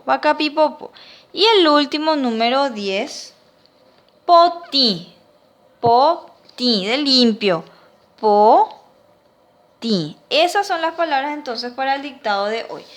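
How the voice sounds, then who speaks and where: High-voiced woman teacher dictating slowly. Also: animated, a bit bright. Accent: Paraguayan Spanish. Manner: patient, sounds words out syllable by syllable. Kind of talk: classroom lesson, slow dictation.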